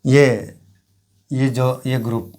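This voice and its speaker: A man from Arunachal Pradesh giving an informal lesson, repeating each example word slowly as he explains and points at regions. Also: medium pitch, fairly even intonation, darkish tone. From Arunachal Pradesh, India. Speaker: language teacher.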